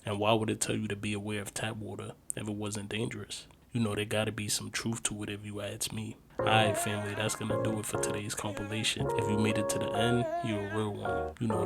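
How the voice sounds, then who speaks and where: A man's voice: fairly low pitch, gravelly. A man hosting a video, casually commenting on viral clips and speculating. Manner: conversational, speculative. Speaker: host reacting to viral clips. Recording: loud background music.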